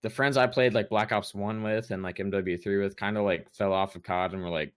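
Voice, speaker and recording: A man's voice: lowish voice, fairly even intonation, a little fast, smooth. A young man in casual chat on a gaming podcast, rambling with lots of fillers and restarts. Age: young adult. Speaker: podcast co-host.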